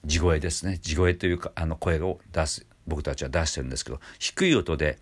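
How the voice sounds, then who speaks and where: An older Japanese man teaching a singing lesson, explaining calmly with many fillers and small restarts. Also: a bass voice, brisk, slightly rough. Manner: explains calmly, breaking off to demonstrate sounds. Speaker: voice trainer. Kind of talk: vocal lesson with demonstrations.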